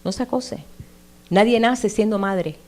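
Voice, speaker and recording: A woman's voice: mid-range voice, unhurried, darkish tone. A woman preaching a sermon in a conversational way. She reads scripture aloud with emphatic rises and puts questions straight to her listeners. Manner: addresses listeners directly with tag questions.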